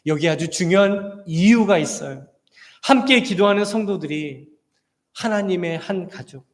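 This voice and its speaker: A male pastor delivering an earnest sermon, telling a story from the pulpit microphone. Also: a little high. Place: church sanctuary. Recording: long church hall reverb.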